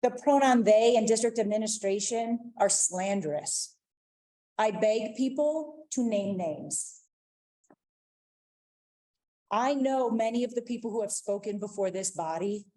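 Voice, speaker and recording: A woman's voice: mid-range voice, unhurried, mellow. A woman giving an earnest, pleading public comment at a school board meeting, repeating her appeals. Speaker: public commenter, district administrator and parent.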